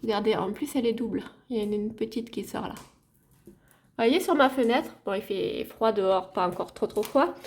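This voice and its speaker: A woman's voice: fairly high pitch, a little fast. A woman chatting casually in a home vlog, showing her plants to viewers. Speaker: gardening vlogger. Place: at home by a window.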